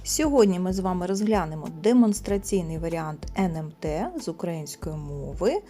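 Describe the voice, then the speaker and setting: A woman teacher walking through exam tasks, slowly stressing each example word as she explains. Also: fairly low pitch, dark tone, soft background music. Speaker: language teacher. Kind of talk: exam prep lesson.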